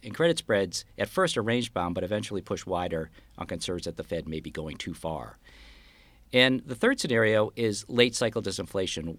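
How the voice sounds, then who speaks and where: A man giving analytical market outlook commentary in an interview, explaining his views in a measured way as a guest strategist. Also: on the low side, dry recording.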